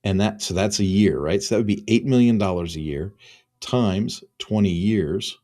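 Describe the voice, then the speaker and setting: A man's voice: on the low side, normal speed, warm tone. A man in his fifties, a business consultant talking alone to camera, earnest and repeating phrases for emphasis. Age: 50s. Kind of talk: solo promotional talk to camera.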